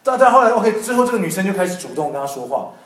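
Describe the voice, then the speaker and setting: A man with a fairly high voice delivers a sermon woven with his own testimony. He moves between loud, excited emphasis and quiet, tender prayer. The sound is roomy and a little distant from the microphone. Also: very fast. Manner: animated, swings between loud emphasis and soft intimate prayer, mixes in English words. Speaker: pastor. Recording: echoey room from some distance.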